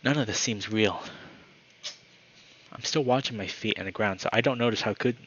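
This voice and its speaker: A man's voice: fairly low pitch, normal speed, a bit bright, dull audio, a little hiss or hum. A man reading a visual novel aloud for his channel, narrating dramatically with the odd casual aside. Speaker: gaming YouTuber.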